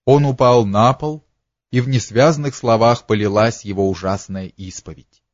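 A man reading a literary story aloud as narrator, in a slow, dramatic storytelling manner. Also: mid-range voice, steady tone, no room sound, lo-fi sound.

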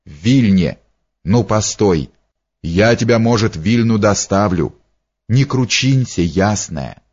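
A man's voice: lowish voice, animated, slow pace, a little mellow, husky, heavily acted. A man reading an earnest young prince. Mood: tender. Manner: earnest, blunt commands. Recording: dull lo-fi recording.

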